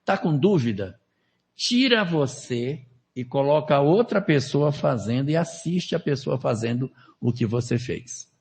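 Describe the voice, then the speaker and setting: A man's voice: medium pitch, lively intonation, measured pace, a little mellow. A man lecturing at a spiritist seminar in a conversational way, with rhetorical questions and numbered steps. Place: lecture hall at a spiritist center.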